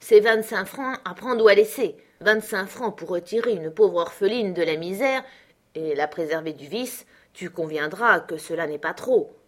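Une lectrice qui fait parler un avocat fauché et narquois, ami de l'oncle. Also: female voice, on the low side, moderate pace, fairly bright tone. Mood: wry. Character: sly, penniless lawyer friend, a man.

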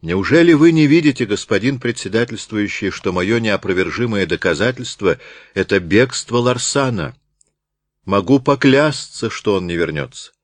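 A man's voice: fairly low pitch, animated, normal speed, dry recording. A man voicing a bold, cocky young male reporter who draws out his words and then rings out his declarations. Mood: triumphant.

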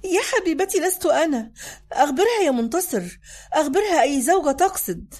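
A woman reading the lines of a frantic mother pleading with her daughters in a dramatic audiobook, anxious and rushed. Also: high voice, big pitch swings, darkish tone, pitched above the performer's own voice.

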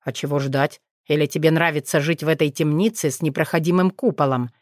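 Brief: female narrator playing a steady, dry-voiced male dragon in an audiobook, pitched low, close dry sound. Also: moderate pace, no room sound, lightly acted. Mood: assured. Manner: steady, dry, slightly mocking. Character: calm, confident male dragon shifter, husband.

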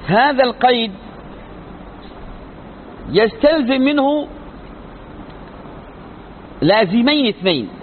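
In a religious lecture, a sheikh teaches creed in a very high voice, speaking emphatically and posing rhetorical questions that he answers himself. The recording is thin and narrow, with faint noise in the background.

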